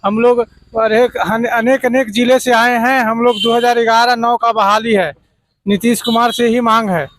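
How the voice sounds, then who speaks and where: An older man, a protesting candidate, stating his demand in a flat, plain way from away from the mic. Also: very high-pitched, measured pace, no room sound. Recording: distant voice off mic.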